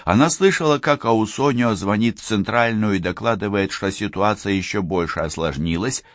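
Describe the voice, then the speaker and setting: Low-pitched male audiobook narrator. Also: normal speed, no room sound, studio quality. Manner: lively storytelling, voices many characters. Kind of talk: scripted narration.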